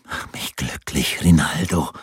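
Brief: sultry whispering noblewoman, read by a man, very husky, close and dry. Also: lowish voice, expressive, a little slow, no room sound, exaggerated voice. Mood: sultry demanding. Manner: breathy, whispering.

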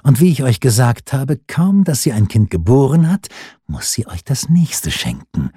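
A man's voice: mid-range voice, very animated, normal speed, dark tone, husky, no room sound, clean studio sound, pitched above the performer's own voice. Man voicing a cold, commanding noblewoman. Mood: insistent. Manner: commanding, insistent. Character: cold scheming noblewoman, the king's lover.

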